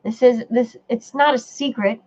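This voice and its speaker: A woman's voice: a little high, fairly even intonation, moderate pace, darkish tone. A woman hosting a casual live stream, reading viewer comments aloud and chatting back, with a stuffy nose. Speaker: livestream host reading chat. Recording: dull lo-fi stream audio.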